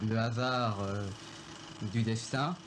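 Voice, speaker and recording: A man recalling his family's story in a film interview, reflective and halting, with many pauses. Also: on the low side, steady tone, noisy background. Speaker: filmmaker recounting his family.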